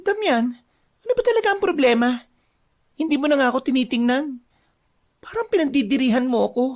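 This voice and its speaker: A woman plays an anxious young village wife in a horror audio drama. Her voice sits fairly high with a gravelly creak, and she keeps pressing with worried, pleading questions. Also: fast, darkish tone.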